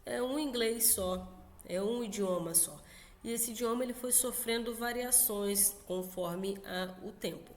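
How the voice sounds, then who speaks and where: A Brazilian woman teaching an online English lesson in a casual, chatty way, often checking in with quick tag questions. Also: a little high, slight background noise. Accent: Brazilian Portuguese.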